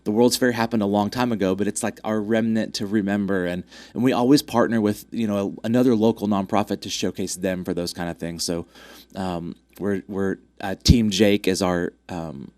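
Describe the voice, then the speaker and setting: In a casual interview chat, a man who represents a track club promotes upcoming races in an upbeat way, filling his speech with fillers. His congested voice sits on the low side with a darkish tone, fairly even intonation, and a moderate pace, recorded without echo.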